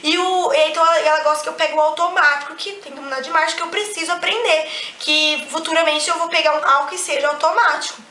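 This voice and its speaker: Speaking in a high voice with a Brazilian accent, this young adult woman vlogs animatedly about something that happened to her, restarting often and performing the lines she quotes. The recording picks up slight hiss or hum and room echo.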